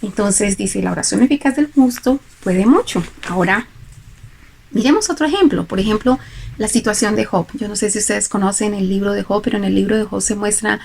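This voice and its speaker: A middle-aged woman teaches from the Bible in an earnest sermon, illustrating her points with everyday examples. Her voice carries a gravelly edge with touches of vocal fry at a mid-range pitch. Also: a little fast, a little hiss or hum. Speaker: preacher.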